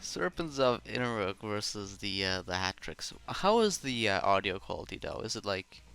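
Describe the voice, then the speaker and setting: A man co-hosting a casual podcast over a voice call, relaxed and a little hesitant, his failing headset making the audio choppy. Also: on the low side, normal speed, vocal fry, smooth. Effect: glitchy choppy internet audio. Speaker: podcast co-host. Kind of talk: casual chat about a board game.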